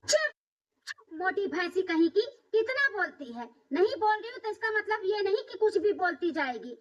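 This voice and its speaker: This is a cartoon daughter-in-law, young, modern and openly talking back, played by a woman. The voice is very high and the sound dull and lo-fi. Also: sing-song, normal speed. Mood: defiant. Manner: sassy, talks back. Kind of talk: cartoon comedy voice acting. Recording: distant, dull lo-fi recording.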